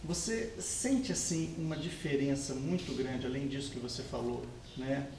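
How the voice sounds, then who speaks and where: A man, asking an interviewee slow, hesitant questions. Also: mid-range voice, recorded from a distance, background noise. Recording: echoey room, off-mic.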